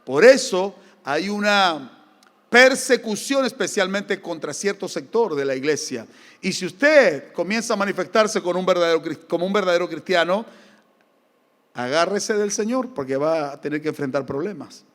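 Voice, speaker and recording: High-voiced Argentine pastor preaching emphatically. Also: male voice, moderate pace, big-room sound. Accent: Argentine Spanish. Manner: emphatic, lively preaching with humorous anecdotes. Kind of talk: sermon. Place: church.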